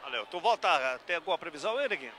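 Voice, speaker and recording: Fast, high-voiced court reporter. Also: male voice, sing-song. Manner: rambling, filler-heavy live chatter. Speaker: radio sideline reporter. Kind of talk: live post-match radio interviewing. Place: futsal gym court after a match. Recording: noisy live gym broadcast.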